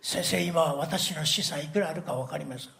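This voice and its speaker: A man voicing a polite, calm older yakuza boss who speaks formally and boasts quietly. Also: on the high side, a little fast, creaky, pitched below the performer's own voice.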